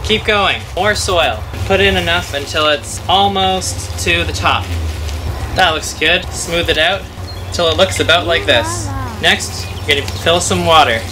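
A man's voice: fairly high pitch, a little slow, noisy background. A young man, a farm educator, walking through planting steps in a playful, upbeat teaching manner. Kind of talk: instructional demonstration.

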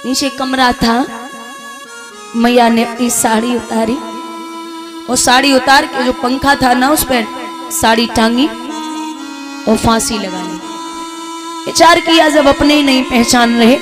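A woman's voice: on the high side, measured pace, long pauses. A woman religious storyteller giving an emotional, preaching devotional sermon with music playing behind.

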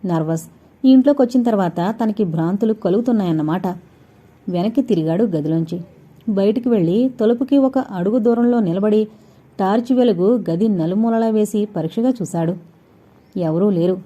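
A woman narrating a suspense novel as an audiobook, reading in a steady, measured way with quiet dramatic pauses. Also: mid-range voice. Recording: dull, lo-fi recording.

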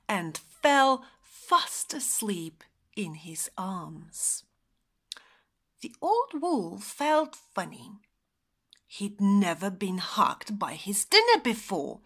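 A woman teacher reading a picture book aloud to young children, expressive and dropping to whispers for effect. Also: fairly high pitch.

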